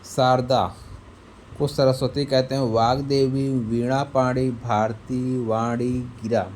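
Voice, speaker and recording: A man's voice: medium pitch, little pitch movement, a little mellow, a little hiss or hum. A man teaching an exam-prep Hindi lesson, reading out lists of synonyms one word at a time and asking the class quiz questions. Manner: slow, word-by-word listing with quizzing questions.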